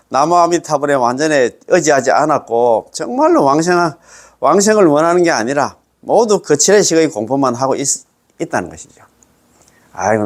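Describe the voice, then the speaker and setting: Male buddhist lecturer, fairly high voice, chuckles often, drops low to end each point. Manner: laughs often, closes points with a low trailing phrase. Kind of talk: Buddhist dharma lecture to lay followers.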